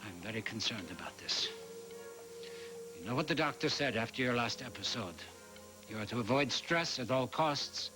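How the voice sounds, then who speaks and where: A man's voice: mid-range voice, animated, normal speed, over music, lightly acted. An actor playing a concerned male investigator in a daytime soap opera, urgent and protective.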